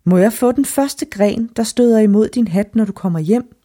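A woman voicing a gentle, sad young girl who pleads softly in a lifted storybook voice. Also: on the high side, natural voice. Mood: pleading.

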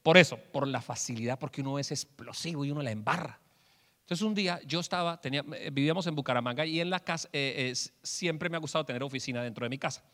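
Male preacher, bright, high voice, joking animated sermon, hall echo. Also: quick pace. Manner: animated storyteller acting out quotes. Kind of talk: humorous sermon with jokes. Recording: long hall reverb.

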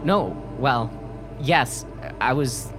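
A man doing a flustered, halting newcomer. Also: medium pitch, over music, pitched above the performer's own voice. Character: bewildered, blunt newcomer man. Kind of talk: audiobook character voice.

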